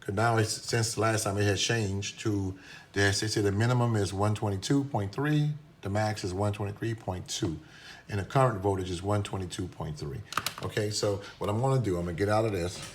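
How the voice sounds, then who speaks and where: A man's voice: fairly low pitch, fairly quick, slight background noise. A man giving a casual, hesitant hands-on demonstration at a workbench, with many restarts and fillers, recorded on a phone camera. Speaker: product reviewer demonstrating a meter.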